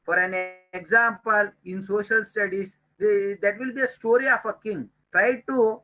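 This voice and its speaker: Male trainer, high bright voice, earnest lecturing, repeats points for emphasis. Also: steady tone, normal speed, rough recording. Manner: addresses listeners as dear friends. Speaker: time management trainer. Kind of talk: webinar lecture.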